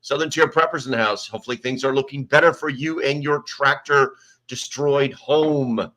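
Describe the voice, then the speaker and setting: In a nearly bare room, an American livestream host speaks into a small desk microphone, reading chat names and rambling casually. His mid-range voice holds a steady tone at normal speed, sounding bright and forceful.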